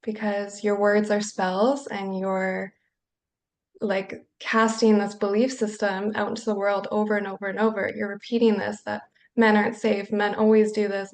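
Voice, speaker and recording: A woman reflectively sharing her personal journey in a group circle, often pausing with "um" and "like". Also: medium pitch, darkish tone. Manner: reflective, many fillers like "um" and "like". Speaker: participant sharing her story.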